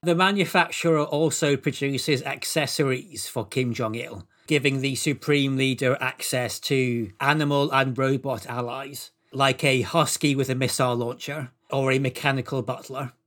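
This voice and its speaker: A man lays out ridiculous facts with a straight, deadpan delivery, as if reading from notes. His voice has a middling, ordinary pitch. His timing stays dry and unhurried. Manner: deadpan, reads prepared facts evenly. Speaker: co-host presenting the topic. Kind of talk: deadpan comedic explainer.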